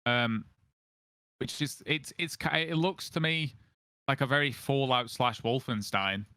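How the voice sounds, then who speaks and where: A man hosting a casual gaming podcast, leading with questions to the panel. His voice is smooth and resonant with a bright, forceful edge, and it sounds dry and close. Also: mid-range voice, unhurried, no echo. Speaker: podcast host. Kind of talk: casual chat.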